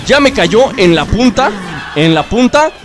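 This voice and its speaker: A young Mexican man with a Mexican Spanish accent, playing a video game and joking with it in casual let's-play commentary, bursting into shouts. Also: high-pitched, very animated, measured pace. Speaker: gaming video host. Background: game music.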